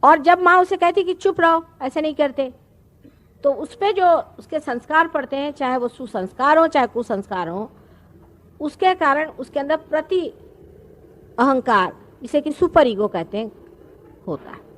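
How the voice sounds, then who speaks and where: A woman, giving a slow, explanatory spiritual discourse with pauses. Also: sits high, lively intonation, a bit bright. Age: 50s. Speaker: spiritual teacher. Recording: archival talk recording.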